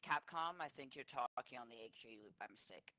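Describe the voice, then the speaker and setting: A man's voice: mid-range voice, animated, fairly quick, sharp tone, no echo. A man chatting casually and technically as flight director in a simulation, tentative and rambling.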